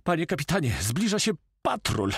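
A man performs a full character voice as a brave male pirate who talks boldly and eagerly, pitched above his own natural voice. It's a little high, sing-song, and slightly rough at normal speed, in clean studio sound with no room noise.

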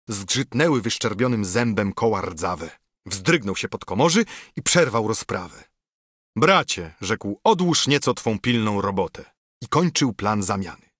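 A man narrating an epic poem in verse, reading in a measured, rhythmic way. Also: lowish voice, a bit bright, breathy edge, no echo, studio quality.

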